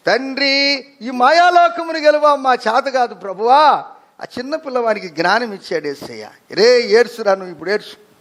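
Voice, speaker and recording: A male pastor with a Telugu accent, preaching an animated sermon, acting out a crying baby and frail old people and calling out hallelujah. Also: very high voice, normal speed.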